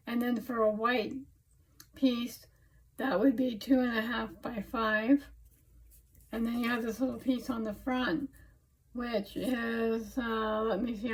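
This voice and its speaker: A woman's voice: on the high side, a little mellow, rough recording. A woman hosting a casual, chatty craft tutorial, talking without her teeth in, so her words come out a little slurred, in a homely, rambling way. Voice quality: toothless, slightly slurred articulation. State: recovering from surgery affecting her speech.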